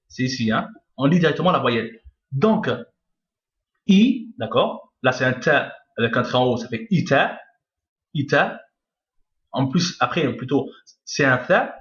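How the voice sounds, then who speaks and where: Patient male Arabic teacher, roomy lo-fi. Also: on the high side. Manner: patient, repeats each point, checks in with "d'accord?". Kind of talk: online reading lesson. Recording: roomy, dull lo-fi sound.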